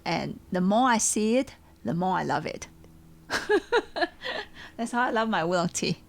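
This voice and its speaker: She speaks at a measured pace, her medium-pitched voice swinging widely up and down. A tea seller hosting a podcast, she has a Taiwanese accent and talks in a relaxed, reflective manner while groping for words.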